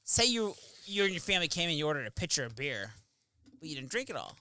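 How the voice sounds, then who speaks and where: A man's voice: fairly high pitch, very animated, fast talker, bright, forceful tone. A man telling loose, swearing stories in a casual podcast chat. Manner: laid-back storyteller, swears freely. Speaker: podcast co-host.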